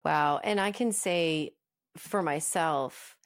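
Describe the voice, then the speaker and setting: A woman's voice: sits low, slow, no room sound, studio quality. A woman in her thirties hosting a podcast, chatting in an upbeat, friendly way. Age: 30s. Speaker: podcast host. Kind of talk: casual chat.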